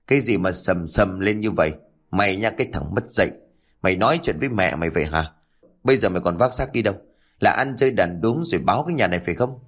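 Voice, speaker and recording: A stern older stepfather scolds and threatens in rapid bursts, as a man reads him. His voice is low, with a lively, swinging pitch. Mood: furious scolding. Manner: scolding, forceful.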